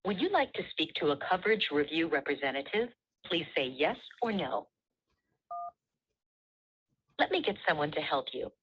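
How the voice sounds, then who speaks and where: A woman's voice on a recorded automated phone menu, heard over a speakerphone, reading prompts in a measured, polite way. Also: deep voice, very animated, slightly rough. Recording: muffled speakerphone audio.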